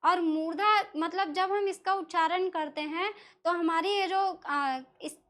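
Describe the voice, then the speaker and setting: A woman's voice: very high voice, fairly even intonation, unhurried, fairly bright tone. A woman teacher from northern India explaining a lesson step by step, asking questions and answering them herself. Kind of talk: classroom lesson explaining Sanskrit pronunciation.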